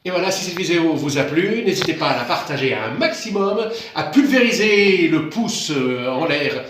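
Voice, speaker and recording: A man's voice: on the high side, expressive, normal speed, noisy background. A man co-hosting a casual video, teasing and bantering. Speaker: co-host. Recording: very echoey room.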